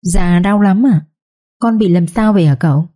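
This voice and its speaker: A woman voices a young servant girl who whines and pleads. She fakes her pain to get her way. The tone stays mellow and fairly low. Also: normal speed, lightly acted. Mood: whiny. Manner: whining, pleading.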